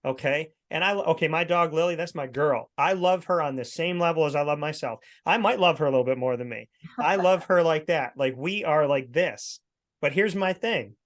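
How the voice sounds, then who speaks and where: A man's voice: fairly high pitch, moderate pace. A man in his thirties co-hosting a podcast, talking in an emphatic, preachy storytelling way. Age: 30s. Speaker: podcast co-host. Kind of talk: casual chat.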